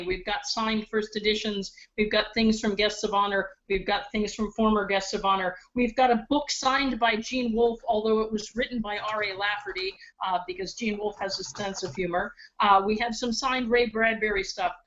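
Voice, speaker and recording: A woman's voice: medium pitch, fairly even intonation, normal speed, a bit bright. A woman who is a charity auctioneer, chatting casually in a playful, joking way. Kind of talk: casual chat. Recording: dull lo-fi audio.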